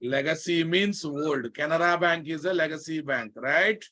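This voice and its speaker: A programming instructor with a Telugu Indian accent teaches a live online technical class, repeating key phrases emphatically and frequently asking students whether they follow. His voice is a little high with a sharp tone, at normal speed.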